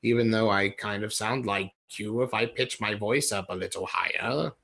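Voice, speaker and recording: A livestream host from Ohio, sitting in a dim room at home, jokes about himself and rambles while faking a British-sounding accent. His voice is on the low side, creaky, pushed and bright, at a moderate pace.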